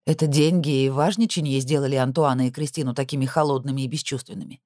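A man narrates a crime novel in a steady, even reading voice at an ordinary pitch. The recording is dry and close, with no room around it. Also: fast, no echo. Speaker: audiobook narrator. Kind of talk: scripted narration.

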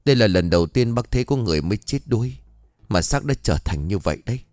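Calm old village chief done by a guy, lowish voice, explains things steady. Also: no room sound, lightly acted. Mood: reasoning. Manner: measured, explaining.

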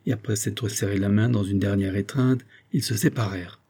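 Husky, low, mellow-toned male reader for classic fiction audiobook narration. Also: fairly even intonation. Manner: measured, lifts voice for dialogue. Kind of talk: scripted narration of a classic novel.

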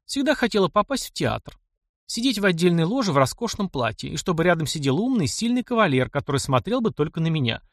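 A man's voice: on the high side, sing-song, quick pace, no room sound, studio quality, pitched above the performer's own voice. A man voicing a witty, teasing young woman who speaks playfully and slyly. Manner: playful and sly.

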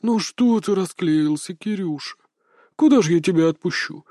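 Male reader as cruel old sorcerer: folksy, sly, higher than his own voice, dry close read. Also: lively intonation, normal speed, mellow, no echo. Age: older. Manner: folksy, chatty, mock-tender.

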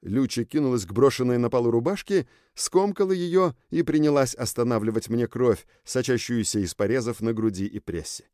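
A man narrating a dark audiobook in the first person, expressive and intense. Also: mid-range voice, brisk, hardly any pauses, no room sound, studio quality.

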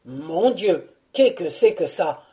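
A woman's voice: low-pitched, lively intonation, moderate pace, warm tone. A woman voicing a jovial, cheeky male donkey in a storybook fable. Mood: startled.

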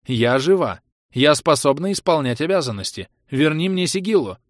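A man voicing a sharp, imperious woman scientist. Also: on the high side, animated, normal speed, no room sound, clean studio sound, voice pushed up, lightly acted. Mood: indignant. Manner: sharp, cursing, shouting orders. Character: usually cold female scientist, now furious.

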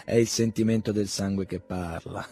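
A man's voice: fairly low pitch, steady tone, normal speed, dark tone, natural voice. A man doing a scornful young nihilist. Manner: mocking and cutting.

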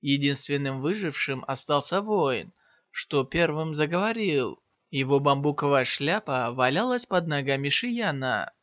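Guy reading a fantasy audiobook, kinda high voice, dry and a bit muffled. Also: lively intonation, a little slow, fairly bright tone, dry recording. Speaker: audiobook reader. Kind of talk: scripted narration. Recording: dry, slightly dull sound.

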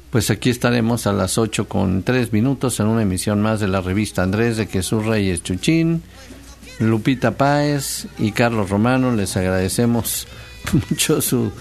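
A man's voice: medium pitch, measured pace, darkish tone, soft background music. A man with a Mexican accent hosting a radio show, chatting casually and joking as he explains a spelling rule.

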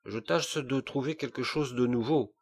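A man's voice: medium pitch, normal speed, husky. Bewildered drunk dwarf jester voiced by a man, hesitant, storybook. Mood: dazed.

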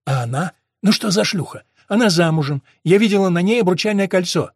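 Man putting on an indignant wife, raised pitch, shouting, dry sound. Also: animated, a little fast, slightly rough, dry recording, exaggerated voice. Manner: indignant, pleading, rising to shouts. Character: angry, defiant wife in her marital quarrel.

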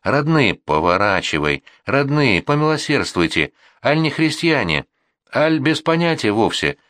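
A man voicing a frightened peasant sledge driver who begs in a high, womanish, imploring voice. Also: sing-song, measured pace, a bit bright, no room sound, studio quality. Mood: pleading. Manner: wailing, imploring.

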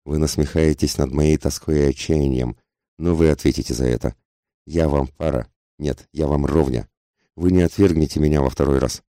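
A man's voice: very deep voice, steady tone, normal speed, dark tone, no room sound, studio quality. A man voicing a passionate, desperate society woman who pleads for love in an intense, angry half-whisper. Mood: furious pleading.

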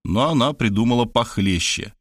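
A man's voice: mid-range voice, moderate pace, dry recording, studio quality. A man reading a first-person audiobook as narrator, in a wry storytelling manner.

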